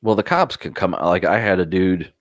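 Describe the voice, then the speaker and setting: A man with a very deep voice co-hosts a tech podcast in loose, rambling chat. He tells stories and swears offhand. The recording is dry and close, with almost no room sound. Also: animated, moderate pace, no echo. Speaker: podcast co-host.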